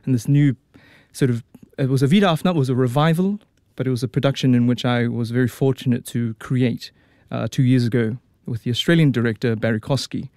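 A man's voice: medium pitch, steady tone, fairly quick, hardly any pauses, darkish tone, dry recording, clean studio sound. A man, an opera tenor chatting as a guest in a casual radio interview, full of fillers and restarts. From New Zealand.

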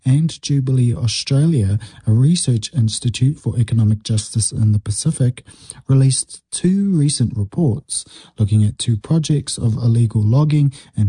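Male news reporter, very dark husky voice, dry close sound, steady formal read. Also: medium pitch, no room sound.

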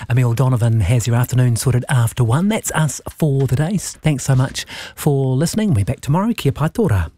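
Mellow New Zealand man hosting radio. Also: medium pitch, lively intonation, fairly quick, hardly any pauses. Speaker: radio host. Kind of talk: casual on-air chat.

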